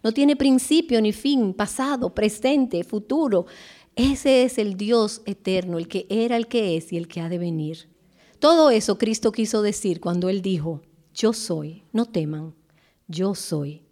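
A woman giving an earnest devotional Bible teaching, slowing down with emphatic pauses. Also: medium pitch, animated, dark tone.

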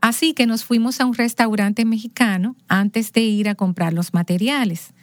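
A woman telling a personal story as an interview guest, lively, acting out the lines of people in her story. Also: on the high side, normal speed, no room sound, studio quality.

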